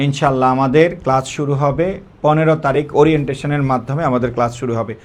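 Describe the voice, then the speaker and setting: A man's voice: mid-range voice, fairly even intonation, fast talker. A male teacher giving a live online grammar class, often repeating key points and quizzing his students, with English words mixed into casual talk. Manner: colloquial, mixing in English words.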